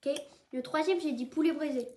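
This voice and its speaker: A woman's voice: sits high, brisk, warm tone. A woman chatting casually as she presents a homemade snack taste test.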